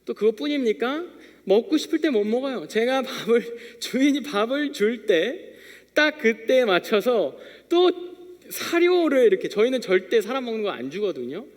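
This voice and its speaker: A man's voice: very high voice, sing-song, moderate pace. A young man preaching a youth sermon in a church. He preaches as if chatting and tells everyday stories, acting out short bits of dialogue. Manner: conversational storytelling preacher, acting out little dialogues. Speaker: youth pastor. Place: church sanctuary. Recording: long reverb of a church hall.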